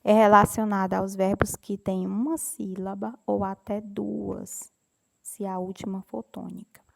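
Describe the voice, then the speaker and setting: Slow, patient woman with a gravelly edge. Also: medium pitch, level tone. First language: Portuguese. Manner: slow, patient explaining with repeated examples. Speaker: English teacher. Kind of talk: classroom grammar lesson.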